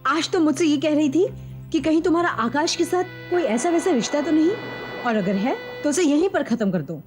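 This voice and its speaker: An actress playing a frightened young woman in a TV horror serial, talking softly and anxiously to the man she loves. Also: sits high, expressive, brisk. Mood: worried. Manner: soft, intimate and worried. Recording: dramatic background music.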